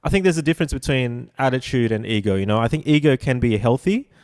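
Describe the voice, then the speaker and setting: A man in his forties hosting a casual podcast interview, asking rambling questions with halting restarts, fillers and casual swearing. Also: mid-range voice, animated, a little mellow. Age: 40s. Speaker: podcast host.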